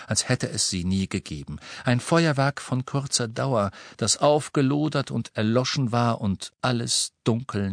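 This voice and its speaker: A man reading a story aloud in a measured, dramatic storytelling manner. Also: on the low side, dry recording, studio quality. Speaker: audiobook reader. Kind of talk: scripted narration.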